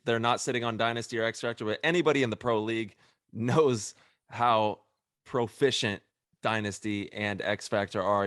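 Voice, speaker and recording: Enthusiastic co-host, dry close mic. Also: male voice, fairly low pitch, fairly bright tone, dry recording. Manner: enthusiastic hype talk. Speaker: podcast co-host. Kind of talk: casual podcast talk.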